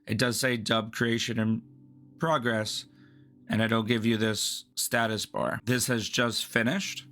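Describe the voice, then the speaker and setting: Casual man walking through software. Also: on the low side, flat delivery, slow, faint music behind. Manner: casual, rambling, explanatory. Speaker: tech video host. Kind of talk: casual screen-recording tutorial.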